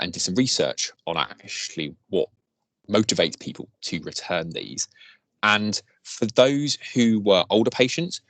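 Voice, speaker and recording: A man's voice: deep voice, a bit bright, dry recording. A man giving a work presentation on a video call, explaining steadily with frequent ums. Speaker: hospital staff presenter. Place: online meeting.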